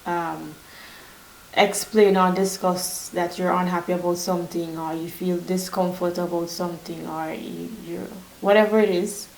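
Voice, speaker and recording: A woman's voice: lowish voice, fairly even intonation, measured pace, gravelly. Instructive woman talking in an echoey room. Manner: instructive, repeats example phrases with emphasis, frequent "right?" tag questions. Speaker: relationship advice channel host. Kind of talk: solo advice talk to camera.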